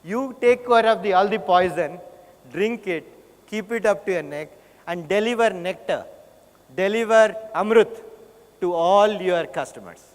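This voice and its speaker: A man's voice: sits high, expressive, measured pace. A man with a South Indian accent giving a motivational business talk, conversational, telling stories and putting questions to his listeners. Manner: conversational, puts rhetorical questions to listeners and checks in with them. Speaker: conference speaker. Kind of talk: motivational business presentation with storytelling. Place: large conference hall. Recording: echoey hall with long reverb.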